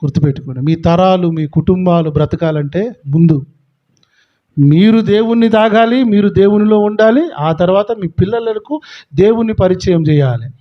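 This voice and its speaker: A man's voice: high voice, normal speed, lo-fi sound. A man preaching a sermon as a pastor, emphatic, with frequent rhetorical questions.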